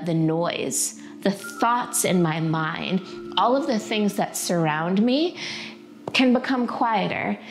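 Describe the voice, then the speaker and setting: Female yoga teacher, mid-pitched, informal and gently guiding through breathwork, faint music behind. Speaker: prenatal yoga instructor. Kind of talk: guided breathing lesson, conversational instruction.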